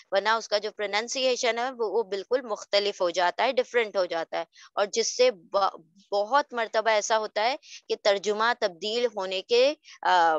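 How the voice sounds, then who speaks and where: A woman's voice: medium pitch, smooth, dry recording. Patient woman teaching recitation rules. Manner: patient, often checks "okay?". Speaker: tajweed teacher. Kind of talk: explaining Quran recitation rules. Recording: dull dry lo-fi recording.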